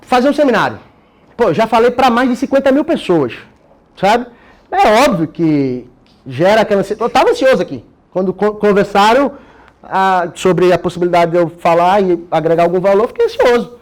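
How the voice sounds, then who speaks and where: A Brazilian man with a high, expressive voice talks briskly about how he gets himself ready, speaking casually and with lots of energy. As a course participant sharing his method, he uses plenty of slang and tag questions, and his accent is Brazilian Portuguese.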